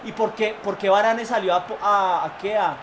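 A young man with a Colombian accent calls his own video game match in a very high voice, shouting and groaning at every play. The recording carries clear background noise. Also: moderate pace. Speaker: gaming YouTuber. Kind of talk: excited live gameplay commentary.

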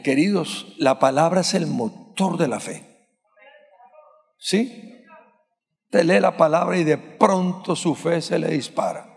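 A male pastor delivers an impassioned sermon in a fairly high, gravelly voice, firing rhetorical questions at his congregation. His voice rings with the long reverb of a large church hall. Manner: rises to shouting at climaxes.

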